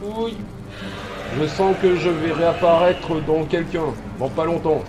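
A man's voice: fairly high pitch, steady tone, a little slow. A man streaming a horror game, commentating live, swearing and taunting the enemy with mock drama.

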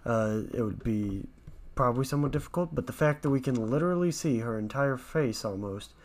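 A man playing along with a fan quiz video, thinking out loud and poking fun at himself. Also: mid-range voice, fairly quick. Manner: self-mocking, thinks out loud. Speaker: YouTuber reacting to a quiz. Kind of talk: casual quiz reaction commentary.

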